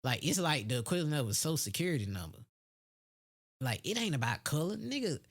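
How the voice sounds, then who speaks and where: A medium-pitched American voice delivers an off-the-cuff opinion monologue. The talk is blunt and slangy, full of swearing, with phrases hammered again for emphasis. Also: big pitch swings, fast talker. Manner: blunt, heavily profane, slangy. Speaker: podcast host. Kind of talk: unscripted opinion monologue, casual street talk.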